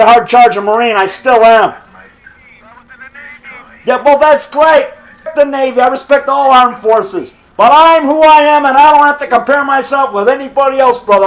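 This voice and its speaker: A man's voice: very high-pitched, rough recording. A middle-aged man in a combative, off-the-cuff phone argument, defiant and boastful, punctuating his points with "brother" and "pal.". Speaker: low-budget monster movie maker.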